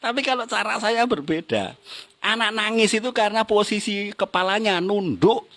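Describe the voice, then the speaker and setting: A man's voice: sits high, normal speed, fairly bright tone. A middle-aged man gives a motivational seminar talk, teasing the audience with questions and laughing along. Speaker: business motivational trainer.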